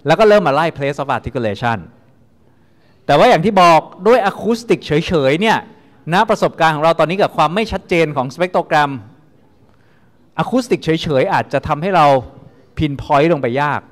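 A man's voice: fairly high pitch, animated, a little slow, long pauses. A man teaching a university class, talking casually and repeating instructions to coax students into group work. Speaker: university lecturer. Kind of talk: classroom lecture. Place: lecture hall. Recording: reverberant lecture hall.

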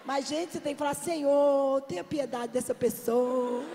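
A woman giving a lively stage testimony at a church congress as an intercessor leader, acting out the dialogue and sometimes shouting. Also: sits high, normal speed, a little hiss or hum. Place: large congress hall. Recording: long hall reverb.

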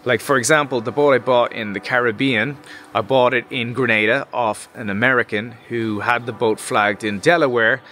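A man's voice: mid-range voice, fairly even intonation, normal speed, sharp tone. A man, talking through a sailing vlog in a casual, conversational way, gesturing as he explains. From Ireland. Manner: conversational, gestures while explaining, fillers like "like" and "you know". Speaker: sailing vlogger. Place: outdoors by a stone wall.

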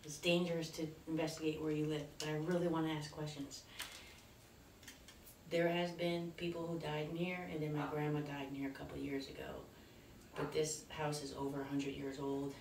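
A middle-aged woman films a casual ghost-hunting vlog in a large old cellar, talking nervously and swearing casually. Her deep, darkish voice stays level at normal speed, with a little hiss or hum. Shot on a tripod camera that later goes handheld, she sounds distant in the echoey basement.

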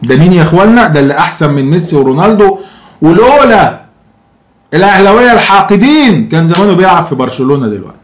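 A man's voice: high voice, very animated, fast talker. A man in his thirties with an Egyptian accent, giving opinionated football commentary to camera in a sarcastic, mocking way with rhetorical questions. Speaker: football fan commentator and host.

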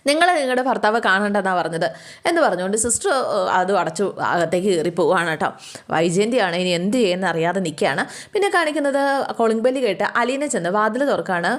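A woman retells a TV serial's plot in a chatty, colloquial way, scattering casual fillers. She talks very fast at a middling pitch. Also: expressive. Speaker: storyteller recapping a TV serial.

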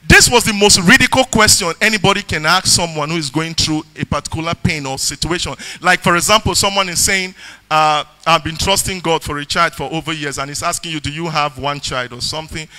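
A man preaching a sermon, telling a testimony and reading scripture, rising into shouted, sing-song emphasis. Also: a little high, a little fast.

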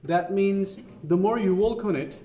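A carpet factory guide speaks with a Turkish accent in a high, warm voice, going a little slowly. He leads visitors step by step through the workshop with patience, often asking "okay?" The recording is distant, with echo and background noise.

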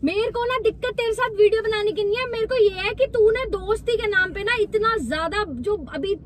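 Very high-voiced woman insisting hotly. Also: brisk, slight background noise. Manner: insistent, defensive, pleading. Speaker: comedy sketch creator. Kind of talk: scripted comedy sketch argument. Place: inside a parked car.

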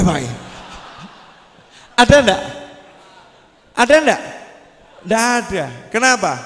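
A man preaching a sermon at a religious gathering, playfully quizzing his audience. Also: high-pitched. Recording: echoey hall.

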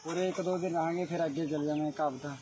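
A man's voice: a little high, fairly even intonation, fast, mellow, a little hiss or hum. A man answering questions outdoors with brief, agreeable replies. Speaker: interviewee. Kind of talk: casual chat. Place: outdoors in a field.

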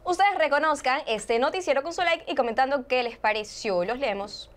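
On a lapel mic in a studio, a young woman hosts a student news show, reading scripted satirical news in a lively, teasing, upbeat way. Her voice sits high and her pace is moderate.

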